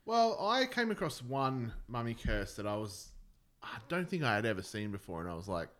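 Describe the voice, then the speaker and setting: A man's voice: medium pitch, sing-song, moderate pace, a bit bright. A man co-hosting a podcast in casual chat, telling stories in a laid-back way. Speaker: podcast co-host.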